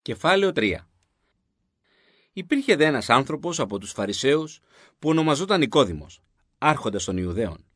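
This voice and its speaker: Male narrator, measured scripted Bible reading, dry close sound. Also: medium pitch, sing-song, fairly bright tone, no room sound.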